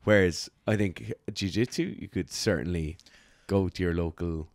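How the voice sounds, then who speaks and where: A low-pitched Irish man chatting on a podcast, recorded dry and close. He is a strength coach who talks bluntly, swears, and mocks people in put-on voices. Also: moderate pace, vocal fry, no room sound. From Ireland. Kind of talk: casual podcast chat.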